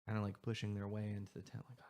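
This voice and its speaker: A man's voice: lowish voice, monotone, racing, a little mellow. A man narrating a tabletop game as dungeon master in a loose style with many fillers.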